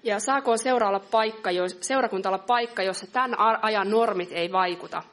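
A middle-aged woman preaching a sermon in an earnest, measured way, reading scripture slowly. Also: medium pitch, fairly bright tone.

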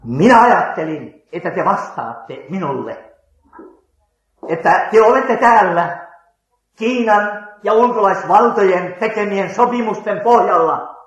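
An older man voicing a stern, high-ranking police colonel who speaks in a commanding, inviting way. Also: animated, reverberant, lo-fi sound. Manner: commanding, then warmly inviting.

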